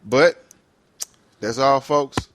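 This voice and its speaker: A man's voice: medium pitch, very slow, a bit bright, slight background noise. A man hosting a casual online sports talk show, wrapping up with laid-back, slangy banter. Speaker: podcast host. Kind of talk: casual chat.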